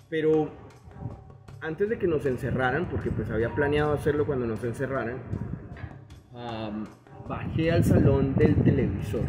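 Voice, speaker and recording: A Colombian man tells his life testimony straight to the camera, earnest and confessional. His voice sits a little high for a man. He was recorded outdoors in the wind, and loud music plays underneath. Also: dull audio. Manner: earnest, confessional, addresses viewers directly. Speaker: person sharing a testimony. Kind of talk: personal testimony, storytelling. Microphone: camera set up in front of him.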